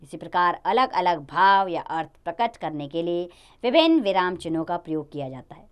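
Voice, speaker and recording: A woman teaching a grammar lesson to children, lively, stressing key words and dropping low at the ends of sentences. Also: moderate pace, smooth.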